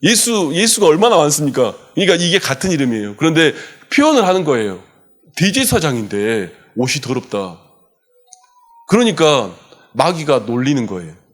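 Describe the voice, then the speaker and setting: A man preaching a sermon in a church, his voice sitting a little high for a man. His delivery is impassioned, rising to urgent emphasis and dropping to hushed, soft passages. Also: big pitch swings, brisk. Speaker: pastor. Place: church sanctuary.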